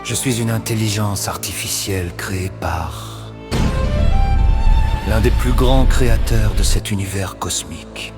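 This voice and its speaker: A man voicing a calm, judging male artificial intelligence through a robotic synthetic voice, speaking in slow, solemn declarations like cinematic trailer narration. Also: lowish voice. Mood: cold. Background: loud music.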